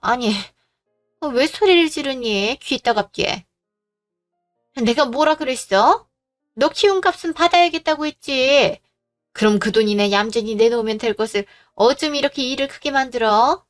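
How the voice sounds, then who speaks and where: A woman's voice: high-pitched, expressive, normal speed, soft background music. A woman voicing a pushy, greedy middle-aged mother-in-law who scolds and makes demands, in a storybook drama reading. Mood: scornful.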